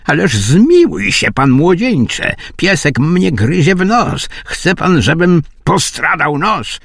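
A man voicing a panicky middle-aged gentleman who pleads in a flustered way. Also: on the high side, sing-song, takes it slowly, breathy edge, no echo, clean studio sound, pitched above the performer's own voice, heavily acted. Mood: pleading.

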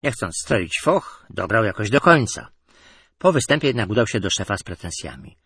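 Husky man reading funny anecdotes. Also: fairly low pitch, moderate pace, no room sound, studio quality. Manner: lively storytelling delivery. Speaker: narrator.

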